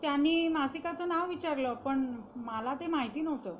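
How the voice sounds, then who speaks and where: A woman's voice: high voice, normal speed, slight background noise, pitched above the performer's own voice, close to an everyday voice. A woman doing an agitated, bitter middle-aged wife. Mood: puzzled.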